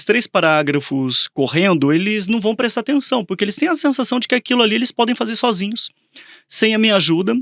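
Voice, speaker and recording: A man with a high, bright speaking voice explains literature to a co-host in casual podcast talk. He tells classroom stories animatedly and slips into little acted-out voices for his students. The sound is close and dry. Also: dry recording. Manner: animated storytelling, acting out students and characters in quotes. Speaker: Portuguese teacher and podcast co-host. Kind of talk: casual educational podcast chat.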